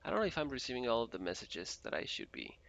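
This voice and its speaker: A man's voice: mid-range voice, huge pitch swings, fast, gravelly, fairly bright tone, dull audio. A man from Mexico streaming a flight simulator, chatting casually and reading viewer messages aloud with frequent laughs. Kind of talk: casual live-stream commentary reading chat.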